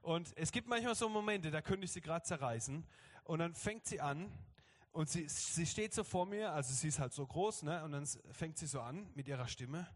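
A man in his thirties preaching a lively sermon as pastor, often acting out other people's voices. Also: fairly high pitch, normal speed. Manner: lively, acts out quoted voices. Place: church hall. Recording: long hall reverb.

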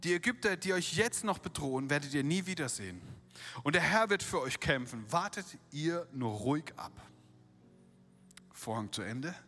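A man preaching a sermon, retelling a Bible story with lively acted-out quotes and direct rhetorical questions to the listener. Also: fairly high pitch, normal speed, faint music behind.

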